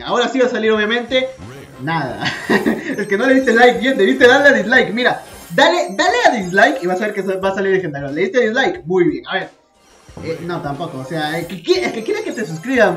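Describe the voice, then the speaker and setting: Man, gaming commentary, mock-dramatic, joking, lively melody, echoey room, faint music behind. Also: sits high. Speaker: gaming YouTuber. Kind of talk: casual gameplay commentary.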